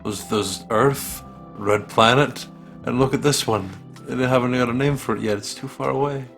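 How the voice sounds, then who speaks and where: A gaming channel co-host with a gravelly, fairly bright mid-range voice speaks at a moderate pace. Game music plays behind him as he reads aloud during a playful let's-play, cracking sweary jokes and going off on silly riffs.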